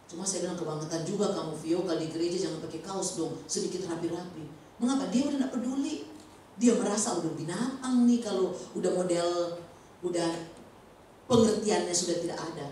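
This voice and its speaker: A woman preaching a sermon in a church, animated and acting out quoted speech. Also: fairly low pitch, a little hiss or hum. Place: church hall. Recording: echoey church hall from far off.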